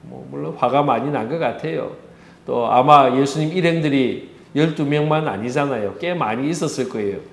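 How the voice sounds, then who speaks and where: A man's voice: mid-range voice, normal speed, creaky, echoey room. A man with a Busan Korean accent, a pastor giving a conversational sermon that he keeps moving with rhetorical questions. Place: church.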